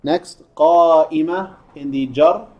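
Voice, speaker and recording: A man's voice: fairly high pitch, slow pace, muffled recording. A man teaching a class, drilling words and patiently correcting and praising students. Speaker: Arabic teacher.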